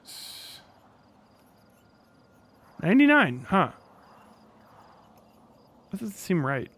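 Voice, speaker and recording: A man in his thirties hosts a casual livestream, rambling on and swearing without restraint. His high-pitched voice is husky and fairly bright, very animated yet very slow.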